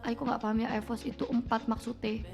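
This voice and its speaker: A woman's voice: fairly high pitch, little pitch movement, quick pace, creaky, darkish tone, soft background music. A young woman with an Indonesian accent hosting a casual livestream, chatting playfully with her viewers and reading their comments aloud. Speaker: livestream host.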